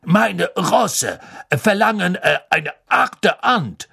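A man voicing a towering, stately and imperious headmistress in a slow, commanding manner with a faint French accent. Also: high-pitched, expressive, vocal fry, pushed and bright, slightly rough, voice pushed up, full character voice.

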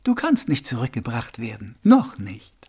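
A man voicing a calm, wry old monk sweeper who speaks slowly and soothingly, in an audiobook character voice. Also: mid-range voice, slightly rough, full character voice. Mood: calm, amused. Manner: slow, gently amused, soothing.

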